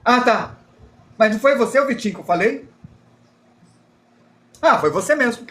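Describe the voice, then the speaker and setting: Brazilian guy teaching drawing live, kinda high voice, chatty and jokes about himself a lot. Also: expressive, normal speed, a bit bright. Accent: Brazilian Portuguese. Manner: chatty, self-deprecating, explains while drawing. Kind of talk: live drawing lesson, reading chat.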